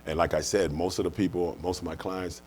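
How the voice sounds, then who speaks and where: Very deep-voiced, fast-talking American man. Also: steady tone, darkish tone, a little hiss or hum. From United States, born and raised. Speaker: life insurance manager, interview guest. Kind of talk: conversational interview answers, explaining.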